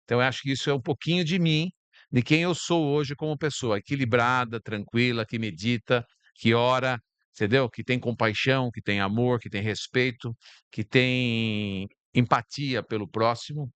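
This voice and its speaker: A Brazilian podcast guest, seated on a bar stage, speaks in a smooth, medium-pitched voice at a moderate pace with no echo. The talk is casual chat, calm, reflective and spiritual, and he often repeats words while searching for them.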